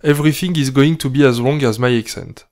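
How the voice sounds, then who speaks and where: Deadpan man with a French accent. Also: medium pitch, fast, very noisy. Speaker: narrator. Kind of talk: scripted satirical narration.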